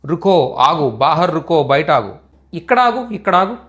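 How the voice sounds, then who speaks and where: A man's voice: on the high side, sing-song, a little slow, fairly bright tone. Patient man drilling phrases. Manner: patient, repeats each phrase several times. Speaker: Hindi teacher. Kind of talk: live online language class.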